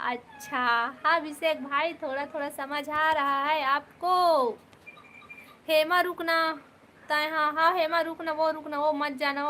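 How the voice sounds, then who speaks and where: High, slow-talking Chhattisgarhi woman streamer. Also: sharp tone, slight background noise. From Chhattisgarh, India. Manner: chatty, greets viewers by name and coaxes them to stay. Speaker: live streamer. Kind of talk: casual live-stream chat.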